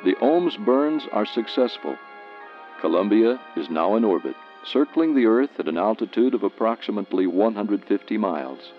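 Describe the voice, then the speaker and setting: A man narrates a scripted documentary in a measured, explanatory manner. His pitch moves in a lively way, on a dull archival soundtrack with faint music.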